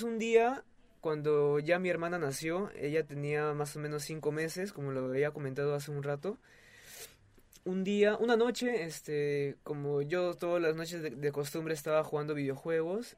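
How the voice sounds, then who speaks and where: A young man tells his story in an interview. He speaks in a somewhat high voice, hesitant and full of fillers and restarts. The recording is dry and close. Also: darkish tone, dry recording. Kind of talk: testimony in a casual interview.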